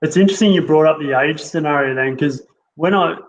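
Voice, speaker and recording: Man, interview host, agreeable, musing, slightly high voice, faint background hiss. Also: brisk. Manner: agreeable, musing, often ends with "right?". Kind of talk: conversational interview. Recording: dull lo-fi sound with faint noise.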